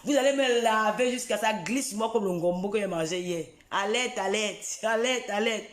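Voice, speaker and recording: A taunting man, ranting straight into a live video. His voice sits fairly high for a man. He repeats his jabs over and over in an echoey room. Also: normal speed, a bit bright. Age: 40s. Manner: taunting, repetitive, mocking.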